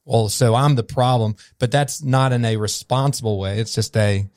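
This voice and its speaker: At a moderate pace, a Memphis coach with a mid-range, darkish voice reflects earnestly as a podcast guest, frequently starting his sentences over. The studio sound is clean and free of echo.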